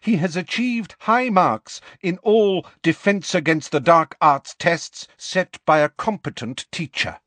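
Audiobook role: male reader as strict older female professor, raised pitch, swooping emphasis, clipped, haughty, icily curt. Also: sing-song, moderate pace, a bit bright, no echo. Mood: icy, exasperated. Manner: clipped, curt, through gritted teeth when provoked. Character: stern, crisp, older woman professor, dry and haughty.

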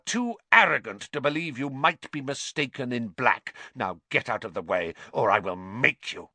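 A man's voice: medium pitch, bright, forceful tone, dry recording, voice pushed up, exaggerated voice. A man voicing a sneering, unhinged male schoolteacher who hisses silkily and shrieks in rage. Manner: silky hiss rising to shrieks.

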